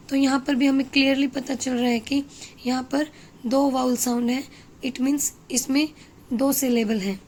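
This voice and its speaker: A woman teaching an English lesson, explaining slowly and mixing in Hindi. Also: high-pitched, mellow, a little hiss or hum.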